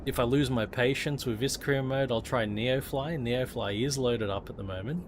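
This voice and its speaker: A man's voice: mid-range voice, normal speed, noisy background. An Australian man streaming games, chatting in a casual, rambling, laid-back and sweary way. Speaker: game streamer. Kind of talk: casual rambling livestream chat.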